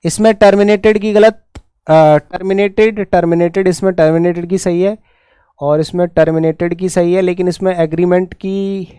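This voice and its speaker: A man with a Hindi accent teaching an exam-prep English lesson, briskly urging students to answer quickly. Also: high-pitched, steady tone, mellow, clear, resonant tone, no room sound.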